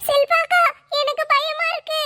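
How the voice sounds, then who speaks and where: A woman's voice: extremely high pitch, level tone, moderate pace, bright, forceful tone. A woman voicing a shy, tearful young woman who speaks in a hesitant, pleading way. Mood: anxious.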